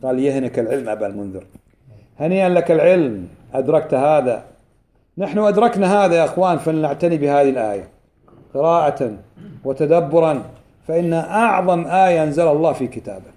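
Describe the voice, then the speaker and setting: Male religious teacher, high-pitched, drills key phrases and quizzes the class. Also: expressive, warm tone. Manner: quizzes the class with quick questions; repeats key phrases slowly for emphasis. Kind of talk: religious lesson.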